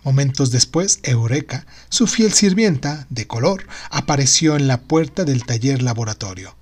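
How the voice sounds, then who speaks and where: A man's voice: mid-range voice, lively intonation, normal speed, husky. A man reading a humorous short story as scripted narration, in the role of storyteller.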